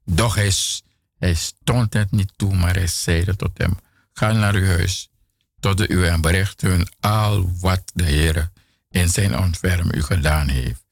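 A man reading a scripture passage aloud in a measured, deliberate way, adding short comments of his own. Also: low voice, fairly even intonation, creaky, breathy edge, no echo, studio quality. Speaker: Bible reader.

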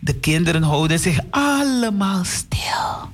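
Gentle slow-reading storyteller man. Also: sits high, big pitch swings, slightly rough. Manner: gentle, addresses children directly. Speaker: children's storyteller. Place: radio studio.

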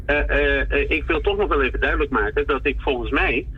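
A man phoning in to a radio show, heard over a telephone line, talking haltingly with many fillers and restarts. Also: medium pitch, breathy edge. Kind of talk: call-in radio conversation. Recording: muffled phone-line audio.

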